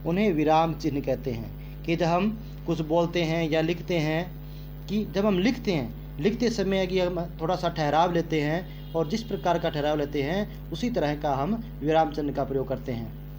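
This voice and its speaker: A man with a high-pitched voice teaches a grammar lesson to young children. He speaks slowly and repeats phrases so they sink in. A faint hum sits under the recording. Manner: slow, repeats phrases for emphasis. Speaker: Hindi teacher.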